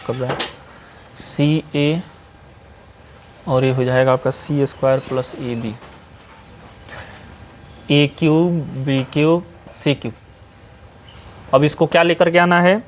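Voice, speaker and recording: A man's voice: fairly high pitch, fairly even intonation, slow pace, pauses often, slight background noise. A man with a Bihari Hindi accent teaching mathematics in a classroom, advising students at length and tagging his sentences with "है ना?". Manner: scolding, advising, with frequent "है ना?" tag questions. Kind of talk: classroom lecture. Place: classroom with whiteboard.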